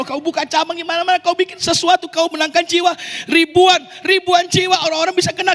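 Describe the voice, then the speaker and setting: Suara Iblis yang membujuk dengan nada tinggi dan terus mendesak, diperankan seorang pendeta pria. Gemanya panjang seperti di aula gereja, dengan musik samar di latar. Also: male voice, very high-pitched, fairly bright tone, pitched above the performer's own voice. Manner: insistent, wheedling. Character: tempting male voice of Satan. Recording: echoey church hall with faint music.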